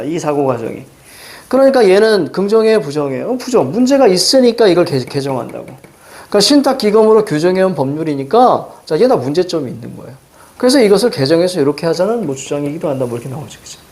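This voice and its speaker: A middle-aged man teaching a reading lesson, quizzing students with quick questions and a repeated "now". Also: sits high, a little mellow. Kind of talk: recorded lecture explaining a reading passage.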